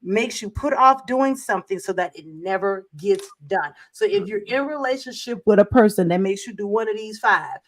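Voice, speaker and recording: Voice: mid-range voice, expressive, moderate pace, few pauses. A co-host on a casual faith talk show, laying out points one by one. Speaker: podcast co-host.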